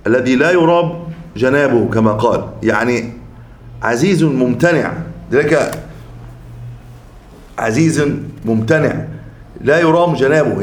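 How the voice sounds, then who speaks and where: A man teaches a classical creed text in a steady, mid-range voice. He works through each term slowly and often repeats or restarts his words as he explains. The room gives his voice a noticeable echo. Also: medium pitch. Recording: echoey room.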